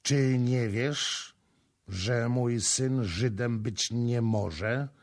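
A stern young prince speaks slowly and coldly, his anger held down, as a male narrator reads him. The voice is low, gravelly and husky. It is audiobook character reading. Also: darkish tone, heavily acted. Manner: slow, measured, menacing.

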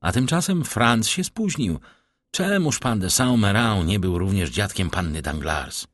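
A man's voice: on the low side, animated, a little slow, dry recording, studio quality. A man voicing an eager young aristocrat who exclaims with agitation. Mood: lively.

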